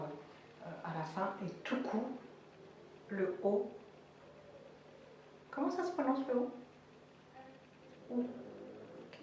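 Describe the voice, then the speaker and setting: A woman teaching a language lesson, explaining words slowly with many hesitations and fillers. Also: medium pitch, darkish tone. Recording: echoey room, voice far from mic, faint noise.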